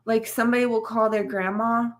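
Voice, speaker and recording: A woman's voice: fairly high pitch, fairly even intonation. A woman co-hosting a talk show, asking curious follow-up questions in casual conversation. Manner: curious, asks quick questions. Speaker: co-host.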